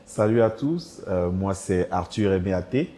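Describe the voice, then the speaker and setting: A man in his thirties from Côte d'Ivoire, calmly introducing himself as a talk show guest. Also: low-pitched, measured pace, slight background noise.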